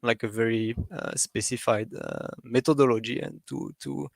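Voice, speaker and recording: Halting man giving a talk, dry sound. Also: medium pitch, steady tone, creaky, dry recording. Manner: halting, with many fillers and restarts. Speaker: presenter. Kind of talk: academic presentation.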